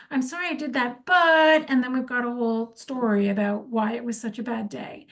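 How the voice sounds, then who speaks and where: Woman coaching on effective apologies. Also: a little high. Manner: conversational, frequent fillers and restarts; acts out sample apologies in quoted speech. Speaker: workplace conflict educator. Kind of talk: informal instructional talk.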